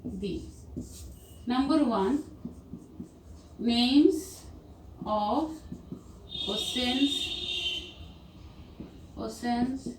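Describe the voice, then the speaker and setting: A woman's voice: high voice, drawn-out words, pauses often. A woman with an Indian English accent teaching a grammar lesson to children, spelling words out letter by letter. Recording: roomy, distant mic, faint background hum.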